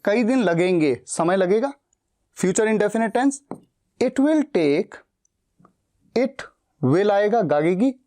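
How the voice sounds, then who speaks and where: A man's voice: sits high, warm tone. A man teaching a spoken English lesson who explains step by step and repeats example sentences.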